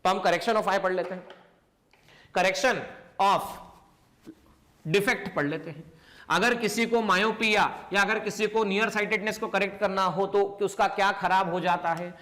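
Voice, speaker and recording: A man with a notably high voice lectures a physics class. He repeats each question and then answers it himself. He slows down deliberately to stress the important points. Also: fairly even intonation, bright, forceful tone. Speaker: physics teacher.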